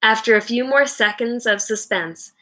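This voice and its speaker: With a fairly high pitch, a woman teacher reads a children's novel aloud expressively and deliberately, telling the story dramatically.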